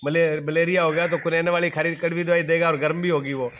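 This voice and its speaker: Fast-talking and flat in delivery, a middle-aged man with a slightly high, fairly bright voice gives a devotional sermon as a spiritual teacher. He answers his own rhetorical questions and repeats folksy everyday examples. The audio is dull, with slight background noise.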